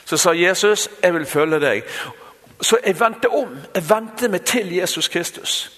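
A man with a Bergen accent and a fairly high voice preaches and tells his own testimony to a gathering. He talks straight to his listeners and keeps turning to them with small asides. His voice carries a long reverb from a large hall. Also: expressive, fairly bright tone. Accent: Bergen Norwegian. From Bergen, Norway. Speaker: conference speaker. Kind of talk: sermon with personal testimony.

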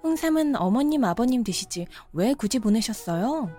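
A woman's voice: on the high side, animated, moderate pace, mellow. A woman voicing a respectful yet insistent daughter-in-law and mother, in a cartoon drama. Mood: polite. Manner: polite, respectful, growing insistent. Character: daughter-in-law, polite but firm mother. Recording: faint background music.

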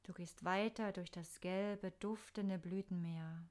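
A woman narrating a scripted guided meditation in a soft, soothing, unhurried manner with pauses. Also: lowish voice, steady tone.

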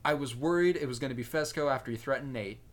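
A man's voice: medium pitch, quick pace. A man co-hosting a podcast in casual chat, recapping and analyzing eagerly and asking questions. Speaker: podcast co-host.

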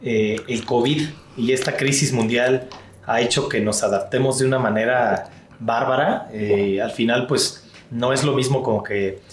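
A man's voice: mid-range voice, echoey room, slight background noise. A man, a real estate sales executive, answering interview questions thoughtfully with many fillers and restarts.

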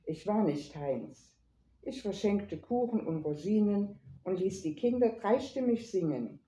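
A woman narrating a first-person story in a lively, playful manner, in an echoey room. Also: medium pitch, unhurried. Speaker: reader.

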